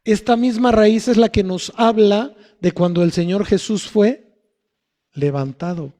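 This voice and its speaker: A male pastor gives a sermon at a slow, deliberate pace in a fairly high, mellow voice. He keeps posing rhetorical questions and answering them himself. His voice rings with the long reverb of a church hall.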